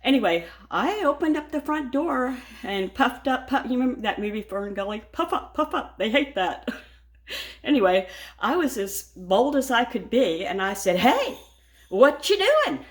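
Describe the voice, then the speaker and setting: A woman's voice: on the high side, animated, moderate pace. Chatty woman baking at home. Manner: chatty, rambling, laughs often. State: shaken and frazzled. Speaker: home cooking vlogger. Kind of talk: casual chat while baking. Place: home kitchen.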